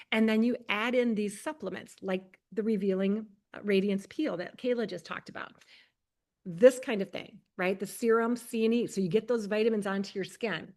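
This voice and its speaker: Earnest woman in her fifties, coaching viewers. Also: medium pitch. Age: 50s. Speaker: skincare consultant. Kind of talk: live product demonstration.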